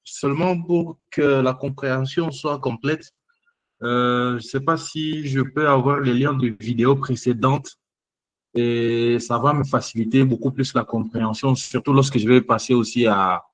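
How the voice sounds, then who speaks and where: A man's voice: mid-range voice, steady tone, a little slow, no echo. A man, a student in an online class, asks his question hesitantly with many fillers.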